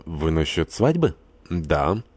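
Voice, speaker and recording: A man's voice: very deep voice, sing-song, takes it slowly, darkish tone, husky, dry recording, exaggerated voice. A man voicing a blunt, skeptical army major in an audiobook. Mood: puzzled.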